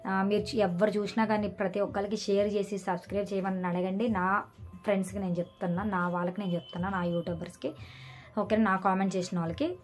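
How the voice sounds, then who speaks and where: Woman vlogger, rapid sarcastic rant, scolding tone, mid pitch. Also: flat delivery, soft background music. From Telugu-speaking India. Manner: scolding, abusive and sarcastic, repeats "okay?". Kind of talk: ranting reaction commentary.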